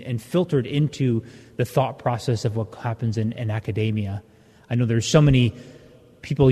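Mellow priest preaching in cathedral-like echo. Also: male voice, medium pitch. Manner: conversational, halting explanatory delivery. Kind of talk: Gospel reading and homily. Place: large reverberant church interior. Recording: echoey church with long cathedral-like reverb.

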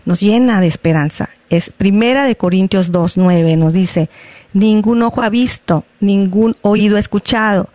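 A woman leading a prayer and then hosting a faith-based interview in a measured, devout way. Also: medium pitch, a little mellow, no room sound.

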